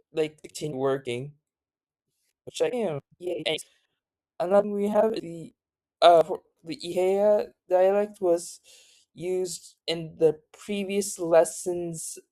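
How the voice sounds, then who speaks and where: A tired tutor walks through a language lesson at an unhurried pace. The voice is mellow and a little dark, recorded dry and close. The talk stops and restarts often, with fillers and self-corrections. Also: mid-range voice, dry recording. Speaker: language teacher. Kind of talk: casual spoken lesson.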